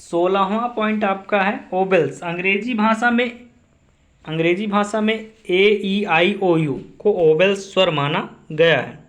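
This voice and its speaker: A man's voice: sits high, measured pace, a bit bright. A man teaching English grammar, repeating each definition and asking and answering his own questions. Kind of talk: classroom-style grammar lesson.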